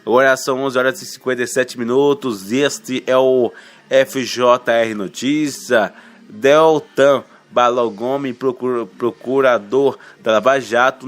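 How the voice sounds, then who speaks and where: Sounding a bit congested from a cold, a man presents radio news headlines in a casual, halting way at medium pitch, with music playing underneath. He stumbles and self-corrects, throws in asides and ends remarks with tag questions.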